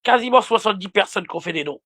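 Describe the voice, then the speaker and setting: A man's voice: high-pitched, expressive, fast, a bit bright. A man livestreaming a heated, insulting rant aimed directly at a rival, repeating himself often.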